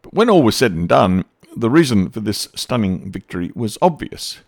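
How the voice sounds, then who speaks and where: A man giving scripted history narration with an expressive, storytelling delivery. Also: fairly low pitch, normal speed, gravelly, dry recording, studio quality.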